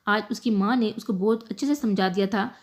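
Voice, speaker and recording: A woman narrating a romantic novel aloud in an emotive, measured storytelling manner. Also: medium pitch. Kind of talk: scripted novel reading.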